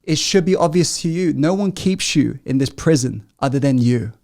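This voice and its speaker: A man hosting a live motivational masterclass, firing rhetorical questions at his audience and swinging between loud, emphatic urging and hushed, intimate asides. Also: on the high side, lively intonation, moderate pace, creaky.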